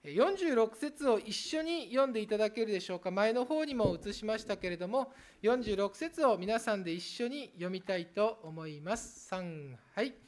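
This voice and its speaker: A pastor preaching an earnest sermon to the congregation, turning gently at times to speak to the children. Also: medium pitch, normal speed, hardly any pauses. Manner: lively rises and falls for emphasis.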